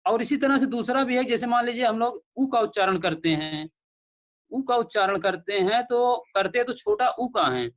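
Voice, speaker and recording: A man's voice: extremely high pitch, moderate pace. A man teaching an online class, explaining step by step with repeated examples and checking in with his students. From India. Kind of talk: online class lecture on pronunciation. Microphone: online call.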